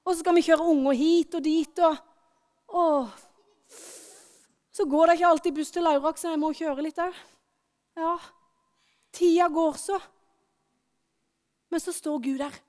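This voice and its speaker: Woman with a high voice, lively church storyteller who quizzes the kids. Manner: lively storytelling, asks the audience questions. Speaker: preacher speaking to children and adults. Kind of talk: children's sermon.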